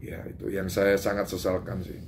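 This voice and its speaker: A man's voice: low-pitched, flat delivery, moderate pace, gravelly. An Indonesian man makes an emphatic statement to reporters, his voice rising as he drives each point home. He stumbles over fillers and restarts. A faint noise sits behind him. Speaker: public figure giving a press statement. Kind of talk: doorstop interview with reporters.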